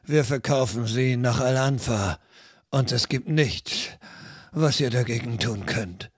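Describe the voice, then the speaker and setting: A man's voice: mid-range voice, breathy edge, no echo, studio quality, pitched below the performer's own voice. A man voicing a surly, sneering male pirate crook in a fan audiobook. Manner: slow, sneering.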